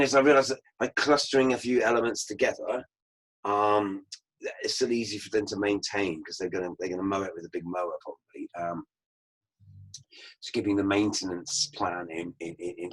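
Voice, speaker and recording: Lowish-voiced man telling course stories. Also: steady tone, a bit bright, slightly rough, rough recording. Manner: unhurried, anecdotal storytelling. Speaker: permaculture teacher. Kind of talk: online course lecture over slides.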